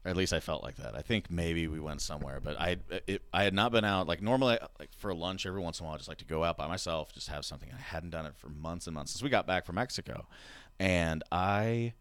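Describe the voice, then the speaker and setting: A man's voice: low voice, fast talker, fairly bright tone, clear, resonant tone, no echo. A man chatting casually as a podcast co-host, rambling with lots of fillers. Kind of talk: casual chat.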